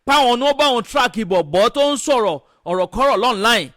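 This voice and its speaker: A man's voice: extremely high pitch, expressive, quick pace, fairly bright tone, no echo, studio quality. A man with a Nigerian accent presents opinionated news commentary, mixing in English phrases and firing off indignant rhetorical questions. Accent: Nigerian Yoruba-language accent. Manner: mixes English phrases into speech.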